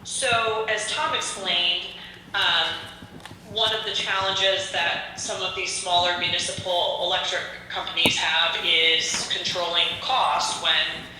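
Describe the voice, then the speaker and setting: A woman giving a business presentation over a speakerphone into a meeting room, halting, with many fillers. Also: fairly low pitch, steady tone, noisy background. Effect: heard over a speakerphone in the meeting room. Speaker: remote presenter for a company. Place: remote location, heard through a room speaker. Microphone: phone on speakerphone. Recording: speakerphone played into an echoey meeting hall.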